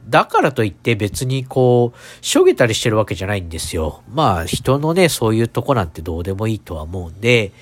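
A man hosting a casual solo podcast in a stuffed-up, nasal voice, talking in a hesitant, rambling, apologetic way. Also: fairly low pitch. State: congested nose. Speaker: podcast host.

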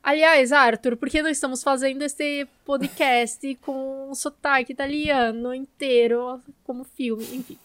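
A woman's voice: high voice, steady tone, a little slow, few pauses, dry recording. A Brazilian woman co-hosting a podcast in casual film discussion, with an informal, opinionated and emphatic way of talking. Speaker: podcast co-host.

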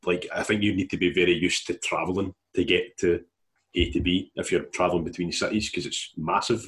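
Deep-voiced Scottish man chatting. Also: steady tone, fairly quick, fairly bright tone. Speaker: co-host. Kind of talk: casual chat.

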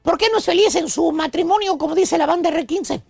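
Comedy radio: a man voicing a preachy old love professor, very high and gravelly. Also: fairly quick, soft background music. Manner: preachy, lecturing, theatrical. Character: pompous squeaky old male love professor. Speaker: comic radio host.

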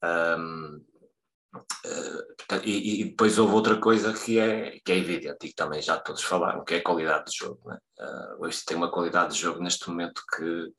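A man with a Portuguese accent talks through a football match on a podcast panel. His voice sits very low, yet its tone is bright and forceful. He thinks aloud in halting phrases, often restarting a sentence. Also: fairly even intonation. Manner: halting, reflective, frequent restarts. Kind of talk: casual podcast football analysis.

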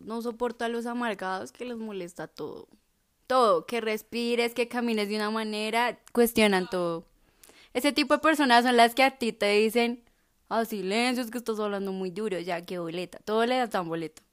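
A woman's voice: a little high, normal speed. A woman co-hosting a podcast, speaking casually in a blunt, emphatic and joking way. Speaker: podcast co-host. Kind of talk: casual chat.

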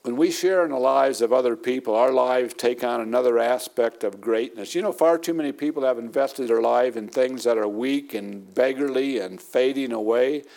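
A man's voice: mid-range voice, normal speed, creaky, few pauses, darkish tone. A middle-aged man preaching a sermon as pastor, emphatic and repeating his points for weight.

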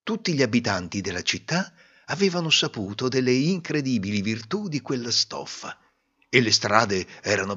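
A man narrating a fairy tale in an expressive, lilting storytelling manner. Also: mid-range voice, breathy edge. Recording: dull recording with long reverb.

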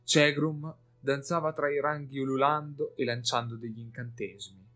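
A man reading a story aloud in a steady, measured way, with faint music behind. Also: medium pitch. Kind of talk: audiobook narration.

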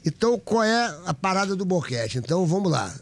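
A boisterous Brazilian man hosts a loose studio chat, his voice sitting high for a man. He jokes crudely and keeps the banter rolling. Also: big pitch swings, a little fast. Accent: Brazilian Portuguese. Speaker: podcast host.

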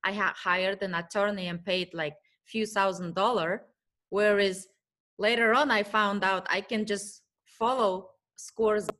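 A woman hosts a business talk show, interviewing her guest in a friendly, affirming manner. Her voice has an ordinary pitch for a woman. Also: fairly even intonation, unhurried, fairly bright tone.

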